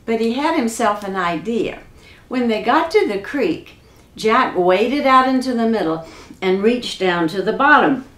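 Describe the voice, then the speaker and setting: Slow-reading woman storyteller, echoey room. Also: a little high, lively intonation, a bit bright. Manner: unhurried folksy reading. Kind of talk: storybook narration.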